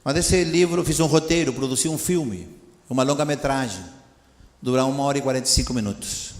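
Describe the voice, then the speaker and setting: A Latin American missionary preacher, a native Spanish speaker whose Portuguese carries a Spanish accent, delivers a storytelling sermon in a church sanctuary. Speaking at medium pitch and a little fast, he animatedly acts out the dialogue and addresses the congregation directly. The hall is echoey.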